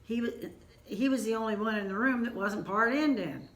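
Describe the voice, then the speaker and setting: An older woman with an Ozark accent telling a family story in an unhurried, homespun way, with asides. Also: on the high side, reverberant.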